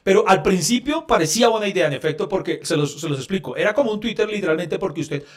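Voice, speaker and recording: A man co-hosting a podcast, telling animated stories, acting out quotes and laughing often. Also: high voice, fast talker. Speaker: podcast co-host. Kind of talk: casual podcast banter.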